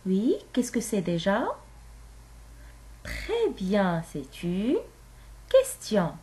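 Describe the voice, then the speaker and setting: A woman teaching a grammar lesson to young children, speaking slowly and clearly and repeating phrases for them to say back. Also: medium pitch, wildly swooping pitch, warm tone.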